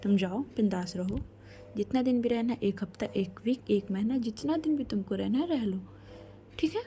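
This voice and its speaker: A woman voicing a kind middle-aged mother who speaks gently and reassuringly. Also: fairly high pitch, normal speed, slight background noise, lightly acted.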